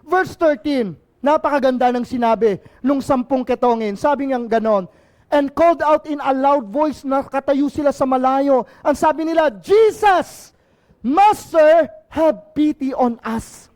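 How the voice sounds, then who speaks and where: A man's voice: very high-pitched, normal speed, darkish tone. A male pastor from the Philippines with a Filipino accent, preaching an impassioned sermon and often asking the congregation for an amen.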